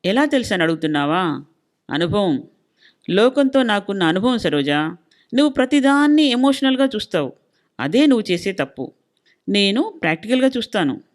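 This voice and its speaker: A woman's voice: mid-range voice, sing-song, moderate pace, long pauses, lightly acted. A woman voicing a stubborn, lecturing husband. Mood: insistent lecturing. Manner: scolding, insistent. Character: stubborn middle-aged husband, lecturing and suspicious.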